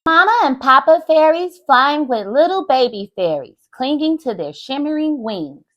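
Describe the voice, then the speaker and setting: Animated high-voiced woman reading to kids. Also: moderate pace, dull audio. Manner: animated, talks to young listeners. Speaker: children's storyteller. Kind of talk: read-aloud for young children.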